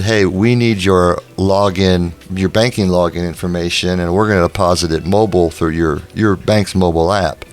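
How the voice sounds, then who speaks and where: A man hosting a casual chat stream, talking conversationally with frequent fillers. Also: deep voice. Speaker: stream host.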